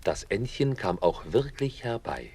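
A man narrating a fairy tale as a lively storyteller who acts out the quotes. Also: mid-range voice, a little slow, breathy edge, faint music behind.

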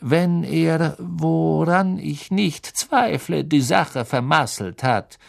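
A man voicing a cold, sneering male teacher who drags his words out slowly. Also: a little high, gravelly, pitched above the performer's own voice, exaggerated voice. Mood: cold command. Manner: slow, drawn-out, icy and mocking.

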